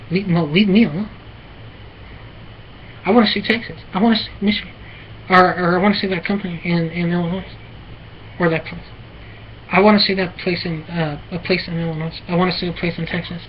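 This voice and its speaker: An American woman talking alone in a halting, repetitive, rambling way, with many fillers and restarts. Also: lowish voice, fairly even intonation. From United States. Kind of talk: rambling solo monologue. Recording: muffled lo-fi with faint noise.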